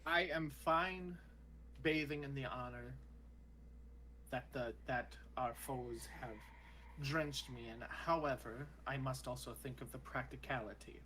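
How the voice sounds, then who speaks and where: A man's voice: medium pitch, measured pace, sharp tone, slight background noise, rough recording. A man playing a deferential armored holy warrior in a tabletop role-play, formal, courtly and hesitant. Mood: appeasing.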